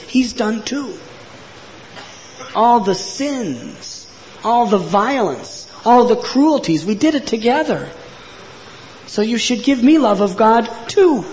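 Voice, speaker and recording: Guy putting on a high begging sinner voice, pleading for forgiveness, dull lo-fi sound. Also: lively intonation, measured pace, darkish tone, slight background noise. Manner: pleading, pitch pushed high and strained. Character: remorseful sinful man begging forgiveness. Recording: dull lo-fi recording.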